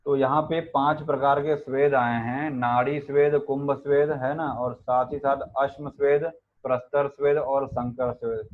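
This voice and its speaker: A man teaching an Ayurveda class, reciting Sanskrit verses and firing quick questions at his students. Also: mid-range voice. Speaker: Ayurveda lecturer. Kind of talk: classroom lecture. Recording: narrow phone-like sound.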